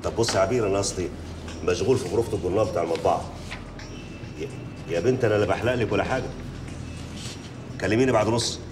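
Guy playing a bossy newspaper editor, real deep voice, talks fast, mic far off, lots of noise behind. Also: close to an everyday voice. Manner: gruff, commanding, snaps orders. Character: brusque male newspaper editor on the phone. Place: newspaper office. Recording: distant mic with loud room noise.

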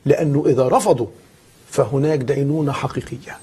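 A man's voice: mid-range voice, fast, mellow, slight background noise. A man with a Levantine accent, a pastor hosting a call-in talk show, asking questions and affirming briefly. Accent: Levantine Arabic. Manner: inquisitive, short affirming interjections. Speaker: host and pastor.

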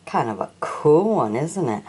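An older woman with a deep, darkish voice and a breathy edge shows off toy vehicles from an auction, very animated yet speaking at a measured pace. Filming them at a sunny windowsill, she narrates casually in show-and-tell style and asks the viewer questions.

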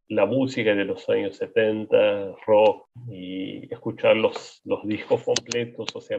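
Brazilian biologist guest in his thirties, low-voiced, halting and repetitive, heard over a thin phone-like remote line. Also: gravelly, darkish tone, breathy edge. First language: Portuguese. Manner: hesitant, repeats words while thinking. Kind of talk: casual interview answers. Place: indoors at home.

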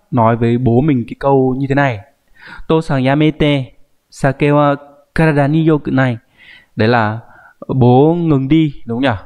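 A man's voice: mid-range voice, a little mellow. A man teaching a grammar lesson, explaining patiently and often checking in with the viewer. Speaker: Japanese language teacher.

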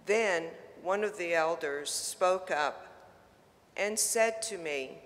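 Very slow man reading scripture. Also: high voice, fairly bright tone. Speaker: lector. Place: large church. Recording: long church reverb.

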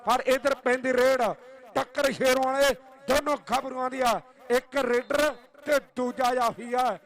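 A man's voice: very high voice, level tone, a little slow, a bit bright. A man with a Punjabi accent giving live kabaddi commentary and tournament announcements, declaiming and often repeating his phrases.

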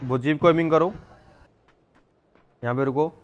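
A man in casual gaming voice chat giving urgent team callouts, repeating commands rapidly. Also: a little high, lo-fi sound.

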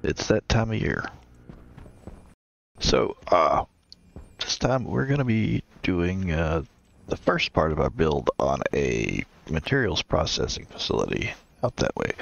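A congested man with a deep, gravelly voice hosts a let's play series, casually walking viewers through his projects and explaining as he builds. He sounds stuffed up and pauses often to fill in with uhs, and the recording comes across slightly dull and lo-fi.

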